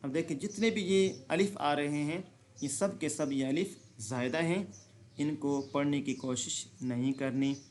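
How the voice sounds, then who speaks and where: A man leads a recitation lesson at a slow, unhurried pace. His voice sits somewhat high for a man, and he draws out each example word. He often asks a question and then answers it himself. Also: darkish tone. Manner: explains rules then recites words slowly and drawn out. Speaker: Quran reading teacher.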